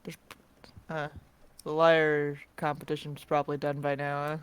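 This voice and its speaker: A player in a tabletop game, chatty and quick to laugh. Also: mid-range voice, monotone, smooth. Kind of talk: casual tabletop role-play.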